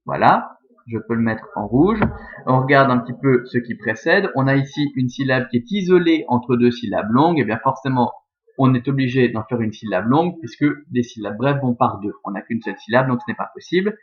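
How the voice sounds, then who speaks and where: A man's voice: mid-range voice, expressive, fairly quick. A male teacher talks through a recorded lesson on Latin verse, patient and methodical as he takes each step in turn. His voice sits in an ordinary middle register. The recording is dull and lo-fi. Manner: methodical, explains step by step with fillers like "hein" and "euh". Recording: dull, lo-fi sound.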